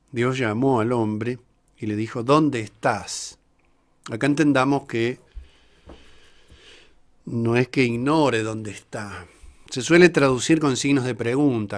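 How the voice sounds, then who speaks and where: A priest teaches a Bible class at an unhurried pace. He speaks slowly and deliberately, pausing often as he reads out verses. His voice is of medium pitch. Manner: slow and deliberate, pausing often, reading quoted verses aloud. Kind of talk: slow reflective Bible lesson.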